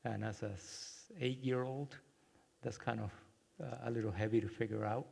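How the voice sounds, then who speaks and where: A Cuban man gives a workshop talk and guides a short meditation, speaking gently and reflectively with many pauses. His voice is medium-pitched, steady in tone and creaky, and the recording carries a long hall reverb.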